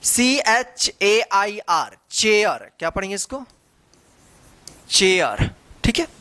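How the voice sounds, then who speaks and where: A woman leads a slow, patient phonics lesson in a dry, close recording. She spells each word out letter by letter, then reads it aloud. She keeps asking and answering her own questions. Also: mid-range voice, animated, a bit bright, dry recording. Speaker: English teacher.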